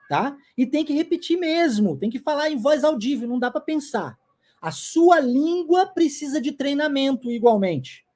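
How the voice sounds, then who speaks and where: A middle-aged man with a very high, mellow voice teaches an online lesson live, checking in often with viewers. He grew up in the United States and English is his first language.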